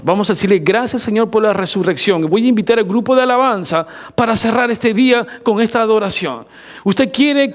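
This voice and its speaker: Pastor de voz aguda predicando. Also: male voice, sits high. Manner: animated preaching, rhetorical questions, swings between loud and hushed. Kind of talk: sermon. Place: church.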